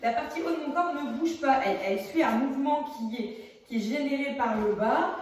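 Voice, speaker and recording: A woman's voice: high voice, normal speed. Woman, drama teacher, casual chatty delivery with hesitations; distant phone mic, very echoey room. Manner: chatty, many hesitations, demonstrates while talking. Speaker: theatre workshop teacher. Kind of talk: casual video lesson. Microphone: phone camera at a distance.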